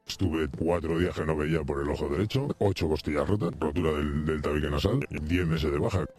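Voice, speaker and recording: A man giving an anonymous account, his voice disguised by a distortion effect with a glitchy pitch-shift, in emphatic, tense short bursts. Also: a little fast, a little mellow, husky, faint music behind. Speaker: anonymous interviewee. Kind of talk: recounting an assault in a news clip. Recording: distorted TV clip replayed on radio, distant.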